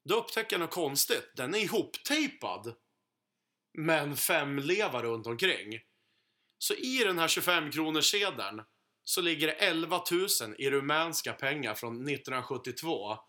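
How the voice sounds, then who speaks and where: A man from Sweden in his thirties, a podcast co-host telling a profane, animated anecdote in casual chat. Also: fairly high pitch.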